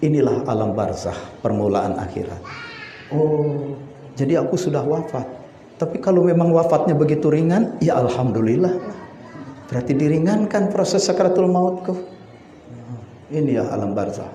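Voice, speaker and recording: A middle-aged man preaching a sermon, telling a personal story and swinging between hushed and excited delivery. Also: fairly high pitch, moderate pace, slight background noise. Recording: echoey room with faint ambience.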